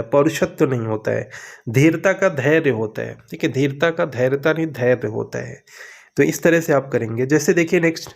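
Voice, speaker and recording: A man teaching an exam preparation lesson, walking through questions with steady, repetitive coaching and frequent check-ins. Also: fairly high pitch.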